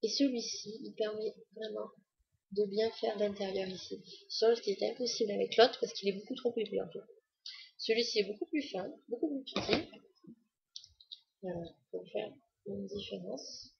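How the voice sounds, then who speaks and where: A woman talks casually and eagerly to the camera about her makeup haul, her voice very breathy and husky. She rambles with many fillers. The sound is dull and muffled, as from a basic home camera. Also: medium pitch. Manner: chatty, enthusiastic, many fillers. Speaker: beauty vlogger.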